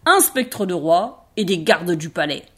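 A woman's voice: fairly low pitch, lively intonation, measured pace, a bit bright, slightly rough, full character voice. A woman voicing a group of mocking little rabbits, chanting and teasing.

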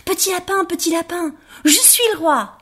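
A woman voicing a small, eager male rabbit who wants to be king, with a squeaky, excited voice. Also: normal speed, breathy edge, heavily acted.

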